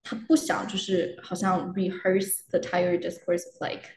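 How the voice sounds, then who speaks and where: A woman's voice: lowish voice, flat delivery, moderate pace, darkish tone. A young adult woman, a doctoral candidate guest, chatting casually about her research and moving between Chinese and English mid-sentence with many fillers. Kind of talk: casual academic chat. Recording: roomy with faint noise.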